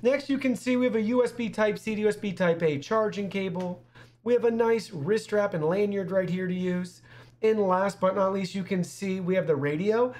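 A young adult man delivers a scripted product review to camera from a small studio, upbeat and presenterly. His voice sits high and a little mellow, at a normal speed.

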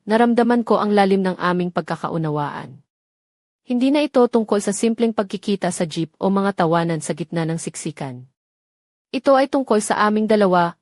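A woman's voice: mid-range voice, a little mellow, no echo, clean studio sound. A woman narrating a dramatic first-person story from a script in a heartfelt, emotional way.

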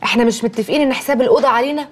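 Actress doing a young egyptian wife, high voice, talks a mile a minute, coaxing. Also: female voice, steady tone, rapid-fire, a little hiss or hum, close to an everyday voice. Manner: coaxing, soothing, mildly reproachful. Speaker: wife and daughter.

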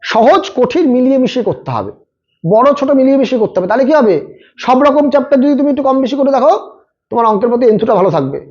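A man's voice: very high-pitched, animated, a little mellow, lo-fi sound. A male maths tutor giving last-minute exam tips, talking directly to students and repeating his points. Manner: rapid, repetitive, coaching students directly.

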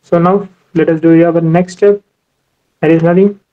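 A man's voice: on the high side, fairly even intonation, normal speed, narrow, tinny audio. A man teaching ship navigation over a whiteboard screen recording, explaining step by step with many "you know"s. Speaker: maritime navigation instructor. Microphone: voice-over for a tablet screen recording.

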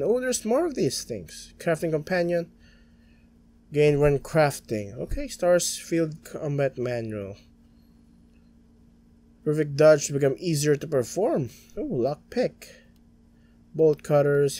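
A young Filipino man with a fairly high, mellow voice chats casually as a gaming streamer doing let's-play commentary, rambling with lots of restarts and stammers. He speaks with a Filipino accent into a headset mic in a small room at home with a green screen.

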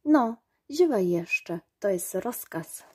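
A woman's voice: mid-range voice, lively intonation, takes it slowly, warm tone, slightly rough. A woman voicing a pompous, commanding old king in a storybook, handing out orders.

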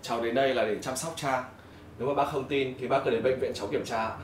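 A man's voice: medium pitch, steady tone, fast, close to an everyday voice. A man playing a polite young doctor. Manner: polite, deferential. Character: polite young doctor, the wife's school friend. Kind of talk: web drama acting. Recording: roomy echo, music behind.

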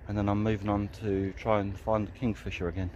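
A man's voice: on the low side, flat delivery, fast, darkish tone, dull audio, a little hiss or hum. Hesitant man filming outdoors. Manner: hesitant, many ums and restarts. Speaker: wildlife photography vlogger. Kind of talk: casual outdoor video diary. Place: outdoors by water in nature.

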